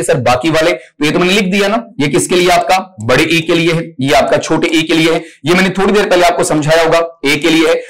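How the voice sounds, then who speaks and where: A male teacher gives a step-by-step exam-prep lesson. His voice sits fairly high for a man. He keeps posing questions to his class and then answering them himself. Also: poor audio. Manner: explains step by step, asks and answers own questions, calls students "beta". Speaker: English teacher.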